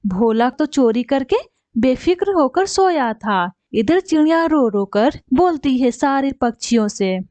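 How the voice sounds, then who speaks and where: Woman, storybook narrator, high voice, dry close sound. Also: lively intonation, unhurried, darkish tone, dry recording. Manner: plain storytelling.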